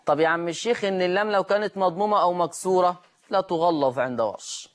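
A man with an Egyptian Arabic accent who hosts a Quran recitation lesson, opening with slow chanted verse and then explaining recitation rules in brisk talk. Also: sits high.

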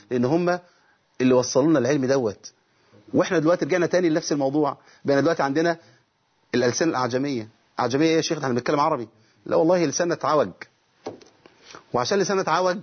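A man's voice: medium pitch, slightly rough, highs cut off. A middle-aged man with an Egyptian accent teaching Quran recitation rules on a TV lesson. He asks himself questions and then answers them, breaking off to demonstrate recited verses. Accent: Egyptian Arabic.

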